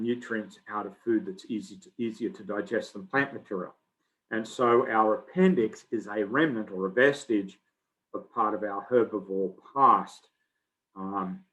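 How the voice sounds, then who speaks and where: A middle-aged man from Australia, giving a relaxed, conversational biology lecture full of fillers. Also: lowish voice, lo-fi sound. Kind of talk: recorded lecture.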